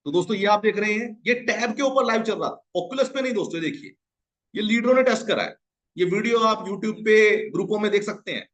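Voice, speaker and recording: High-voiced, hyped male sales pitcher. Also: lively intonation, fairly quick, a bit bright. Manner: hyped, salesy, repeatedly addressing friends. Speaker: online business promoter. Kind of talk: screen-share promotional pitch.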